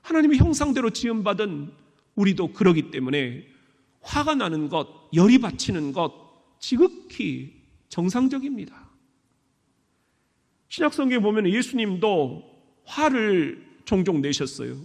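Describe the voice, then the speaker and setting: A man preaching a sermon as pastor, emphatic, with sudden high bursts on key words. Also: big pitch swings, measured pace, creaky, a little mellow. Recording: long hall reverb.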